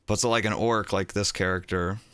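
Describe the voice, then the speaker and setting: A man's voice: lowish voice, steady tone, a little fast, a bit bright, clean tone, no echo. A young man streaming a game, chatting casually and rambling, getting distracted as he goes. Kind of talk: casual gaming chat.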